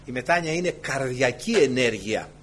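A man's voice: medium pitch, slightly rough, soft background music. A man preaching a sermon to his congregation, telling stories with many asides. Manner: animated storytelling with many asides.

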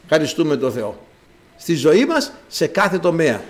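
A man's voice: fairly high pitch, big pitch swings. A man preaching a sermon to his congregation, dramatic and full of rhetorical questions.

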